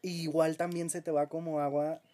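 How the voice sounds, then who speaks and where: A man's voice: fairly high pitch, level tone, normal speed, warm tone. A man with a Mexican accent co-hosting a podcast in casual, enthusiastic chat, with lots of fillers and easy laughter. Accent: Mexican Spanish. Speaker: podcast co-host.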